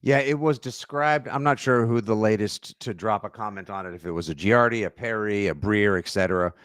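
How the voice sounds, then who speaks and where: Brief: New man, lively podcast co-host, riffs and jokes, dry close mic. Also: on the low side, a little fast, no room sound. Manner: animated, jokey, slips into silly voices. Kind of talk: casual sports podcast chat.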